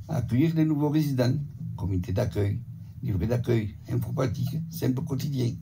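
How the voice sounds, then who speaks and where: Older southern french guy reading his report slow and steady, gravelly dark voice. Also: mid-range voice. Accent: southern French (Montpellier). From Montpellier area, southern France. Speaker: retirement home resident giving a report. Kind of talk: reading a prepared text. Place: retirement home, sent as a video.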